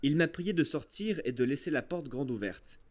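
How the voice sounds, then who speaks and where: A man narrating an adventure novel aloud in an expressive, storytelling way. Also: on the high side, normal speed. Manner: expressive storytelling, first-person voice of a boy. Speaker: audiobook narrator. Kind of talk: scripted narration.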